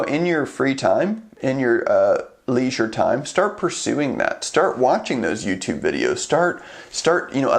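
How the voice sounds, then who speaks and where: A man talking earnestly to camera about raising children, in a casual conversational way with frequent ums and rhetorical questions. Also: medium pitch. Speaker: unschooling advocate vlogger. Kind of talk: casual advice talk to camera.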